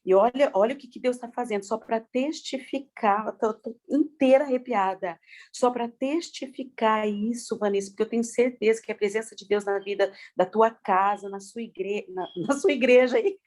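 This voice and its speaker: A woman pastor talks over a video call, tearful and effusive, her words tumbling out with many fillers. Her voice sits fairly high. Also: moderate pace, darkish tone. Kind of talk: testimony-filled church talk on a video call.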